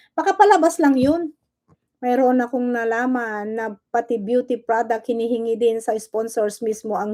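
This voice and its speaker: High-voiced woman ranting on a livestream. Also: dark tone. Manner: combative and sarcastic, firing rhetorical questions; mixes English words into her talk. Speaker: livestream host. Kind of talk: casual livestream rant.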